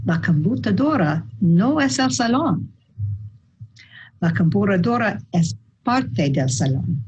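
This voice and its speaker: A woman with an American accent in her Spanish reads a prepared welcome speech as a school principal. Her voice is husky and a little low. She goes slowly and carefully, halting now and then as a native English speaker working in a second language. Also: darkish tone, rough recording.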